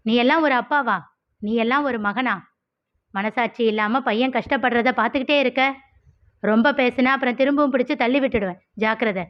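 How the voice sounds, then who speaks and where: A woman's voice: a little high, dull audio, close to an everyday voice. A woman voicing a cheeky, jobless young man who teases everyone. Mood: mock-outraged. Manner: teasing, mock-dramatic, quick.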